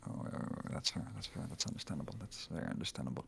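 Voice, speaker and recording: A man bantering over a card game as the other player, teasing and mumbling quiet asides. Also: extremely low pitch, fast talker, creaky, a little hiss or hum. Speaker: co-host and opponent. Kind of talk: casual gaming banter.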